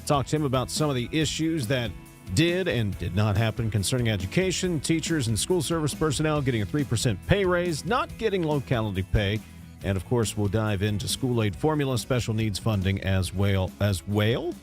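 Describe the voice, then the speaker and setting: A man with an Appalachian accent hosts talk radio over a faint music bed. His pitch moves around in a lively way, and he keeps things folksy, conversational and a little self-deprecating. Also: fairly quick. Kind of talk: conversational radio hosting over show rundown. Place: radio studio.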